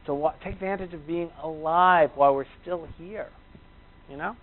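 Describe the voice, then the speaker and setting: A man's voice: on the high side, moderate pace. A man teaching breathing exercises informally to a class, reassuring and conversational. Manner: reassuring, conversational, checks in with "you know" and "right". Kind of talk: informal spoken instruction to a class. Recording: tinny, narrow phone-like sound.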